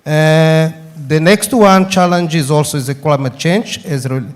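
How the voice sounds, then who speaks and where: A man's voice: on the high side, measured pace. A man with a Mozambican accent gives a short formal speech as a university representative at a congress.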